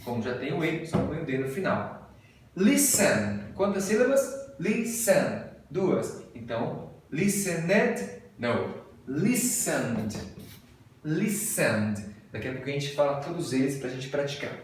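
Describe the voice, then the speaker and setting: A man's voice: mid-range voice, sing-song, normal speed, distant mic, slight background noise. A Brazilian man with a Brazilian Portuguese accent, an English teacher giving a video lesson and patiently drilling pronunciation. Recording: very echoey room, voice off-mic.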